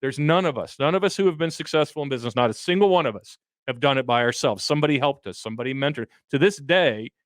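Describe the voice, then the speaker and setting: A man's voice: medium pitch, fast talker, hardly any pauses, no room sound, studio quality. A man in his fifties, a financial advisor co-hosting a radio show, talking bluntly and joking with folksy analogies. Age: 50s. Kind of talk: casual radio talk.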